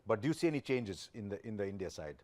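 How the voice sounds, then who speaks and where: A man's voice: on the low side, very animated, quick pace, darkish tone. A man hosting a cricket show, presenting and putting questions in a conversational studio style.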